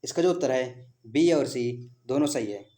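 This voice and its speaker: Warm-voiced man quizzing students. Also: mid-range voice, lively intonation, moderate pace. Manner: quizzing, reads options then gives answers; repeats key words as a question to stress them. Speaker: teacher. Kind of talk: exam practice lesson.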